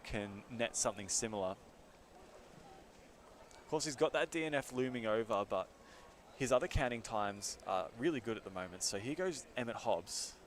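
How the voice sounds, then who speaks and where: A man calling a live competition at a medium pitch. He talks in a chatty, bantering way, slipping into slang and jokes between the action. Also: lively intonation, normal speed, a little hiss or hum. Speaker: commentator. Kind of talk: live event commentary.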